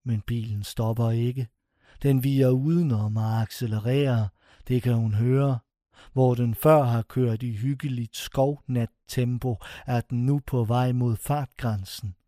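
Man reading a horror tale, mellow and dry. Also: mid-range voice, steady tone, no room sound. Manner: suspenseful, slows down on dramatic phrases. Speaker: narrator. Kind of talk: scripted horror story reading.

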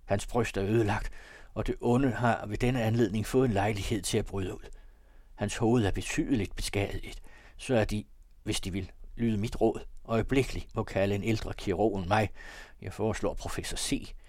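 A man reading the lines of a young doctor in a classic novel audiobook, brisk and clinical in a lowered voice. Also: fairly even intonation, a little mellow, no room sound, clean studio sound, close to an everyday voice. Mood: grave. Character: young male doctor, blunt and matter-of-fact.

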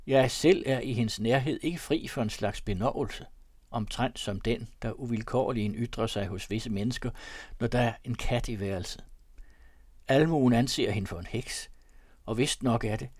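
A man's voice: medium pitch, a little mellow, no room sound, studio quality, lightly acted. A man reading an audiobook, voicing a melancholy young man haunted by dread, in a solemn, confiding tone. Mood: brooding. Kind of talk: audiobook reading of classic fiction.

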